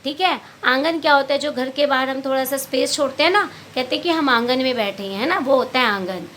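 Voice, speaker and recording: Fairly quick and fairly bright, this woman's high voice guides young students through a Hindi workbook lesson. The primary school teacher patiently asks questions, answers them herself, and calls the children beta, with slight noise in the background.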